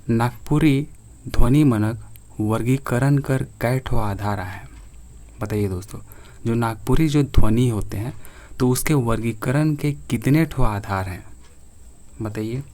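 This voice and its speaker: A man with a lowish, darkish voice teaches viewers an exam-prep grammar lesson. He reads each question slowly and clearly, then explains it.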